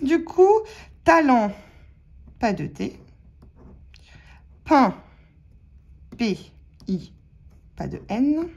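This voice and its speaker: A woman with a French accent speaks in an easy, unhurried way, her voice sitting a touch high. She chats to her viewers as friends and spells out letters one at a time while scratching tickets. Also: darkish tone, slightly rough. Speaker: scratch-card vlogger. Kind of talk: casual commentary while scratching lottery tickets.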